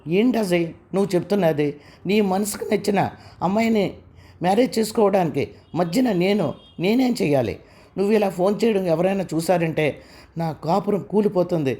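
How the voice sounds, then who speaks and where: Scared young wife, trembling and pleading, raised pitch, man reading her. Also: moderate pace, dark tone, natural voice. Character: frightened young married woman, pleading. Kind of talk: audiobook character reading.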